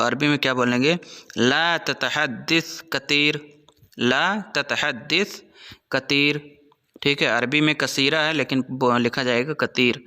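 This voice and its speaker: An Arabic teacher hosting his own channel gives a spoken-language lesson in Hindi, teaching phrases in a bright, forceful, medium-pitched voice. He says each phrase slowly and repeats it several times before dropping into quick, chatty asides between drills.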